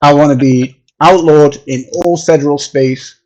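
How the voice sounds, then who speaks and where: A man chatting casually about a space game on a podcast, animated and swearing, often laughing. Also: on the high side, a little slow, rough recording. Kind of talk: casual gaming chat.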